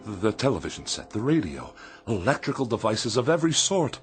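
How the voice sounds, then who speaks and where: A man's voice: fairly low pitch, sing-song, a little fast, soft background music. A man acting in a radio drama as a haughty, fussy gourmet writer, wordy and emphatic, lonely and fearful underneath. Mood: anxious, weary.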